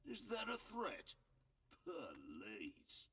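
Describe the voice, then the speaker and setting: A man's voice: a little high, huge pitch swings, extremely slow, sharp tone, slightly rough, far from the mic, full character voice. An actor playing a smug, crooked merchant and innkeeper in a video game, with a sly salesman's patter that turns scornful. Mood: scornful, defiant. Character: crooked male merchant and innkeeper, smug, defiant, self-righteous.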